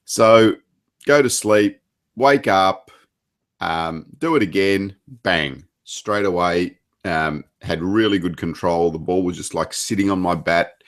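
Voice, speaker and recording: A man with an Australian accent, a table tennis coach chatting casually on a regular show, animated and jumping up in pitch when he talks. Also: takes it slowly. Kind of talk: casual chat.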